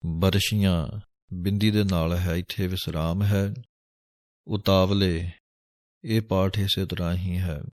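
Deep slow-spoken male recitation teacher. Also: a little mellow, no room sound, studio quality. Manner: drawn-out chanted recitation, then measured explanation. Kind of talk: scripture pronunciation lesson.

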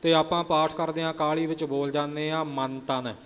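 A man patiently explaining how to pronounce and pause in a recitation, demonstrating each phrase carefully. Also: a little high, little pitch movement, a bit bright, in a large hall, slight background noise. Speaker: recitation teacher. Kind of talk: explanatory teaching on pronunciation.

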